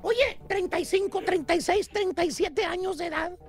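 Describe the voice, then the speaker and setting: A man's voice: very high voice, normal speed, vocal fry, faint music behind. A man hosting a radio comedy show, teasing his co-hosts and telling mocking stories full of slang. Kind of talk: comic radio banter.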